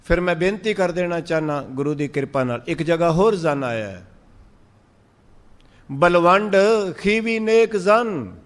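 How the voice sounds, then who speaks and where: A man with a Punjabi accent giving a sermon, drawing out verses slowly and then explaining them in lively speech. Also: fairly high pitch, in a large hall. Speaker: Sikh preacher. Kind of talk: sermon on scripture.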